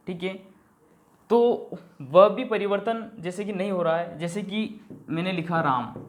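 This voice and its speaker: A man whose voice sits high runs a grammar lesson aimed at exams. Posing questions and then answering them, he speaks to viewers as companions and regularly pauses for a short "okay".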